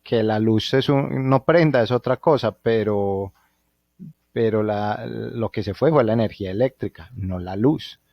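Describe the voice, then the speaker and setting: Low, unhurried and creaky, this man's voice is captured in a dry recording with dull audio. He is Colombian, speaks with a Colombian Spanish accent, and delivers a live online physics lecture from his home, thinking out loud and checking in with students often.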